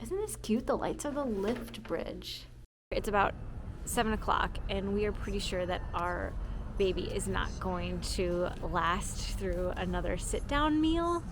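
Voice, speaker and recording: A woman's voice: mid-range voice, expressive, a little slow, noisy background. A woman travel vlogger chatting upbeat as she narrates her plans out on the street. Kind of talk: casual travel vlog chat. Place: outdoors on a town street.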